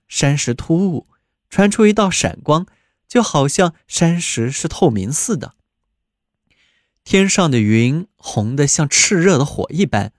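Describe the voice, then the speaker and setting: A man reading a fairy tale aloud with an expressive, descriptive delivery. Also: medium pitch, no echo, studio quality. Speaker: storyteller.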